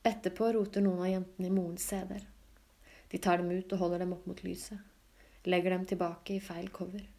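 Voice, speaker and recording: A woman reading literary fiction aloud in a calm, even, low-key way. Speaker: audiobook reader. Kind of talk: scripted literary narration.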